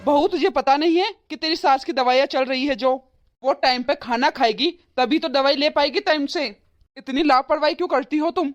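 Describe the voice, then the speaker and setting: A woman's voice: high-pitched, normal speed, muffled recording, soft background music, close to an everyday voice. A woman voicing a stern, lecturing elderly father-in-law in a cartoon. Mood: scolding. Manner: scolding, lecturing. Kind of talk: cartoon voice acting.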